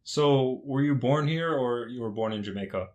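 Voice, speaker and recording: Relaxed man hosting an interview. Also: mid-range voice, normal speed. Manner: relaxed, brief affirmations between questions. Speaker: interview host. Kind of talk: casual interview.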